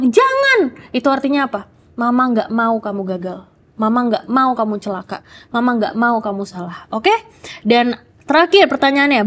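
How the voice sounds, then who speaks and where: An adult woman hosting a kids' program, answering children's questions in a lively, coaxing way and often checking in with "oke?". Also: high-pitched. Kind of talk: casual talk to children.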